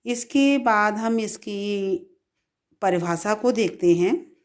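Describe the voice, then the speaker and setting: A middle-aged woman teaching Hindi grammar, explaining deliberately, repeating key phrases and reciting verse examples higher and louder. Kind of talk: grammar lesson.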